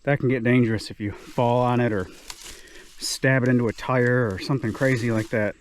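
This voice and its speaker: A man's voice: medium pitch, fairly even intonation, brisk, slight background noise. A man vlogging outdoors while working his land, chatty and self-deprecating, thinking aloud as he goes. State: slightly out of breath. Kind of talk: casual vlog talk to camera. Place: outdoors on a wooded clearing.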